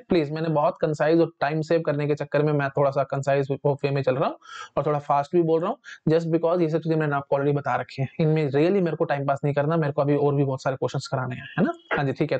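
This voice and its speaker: A man teaching a rushed revision lesson, asking questions and answering them himself, with filler like "ठीक है जी". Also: a little high, darkish tone, muffled recording. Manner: quick, repeats "ठीक है जी", asks and answers himself. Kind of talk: fast revision lecture.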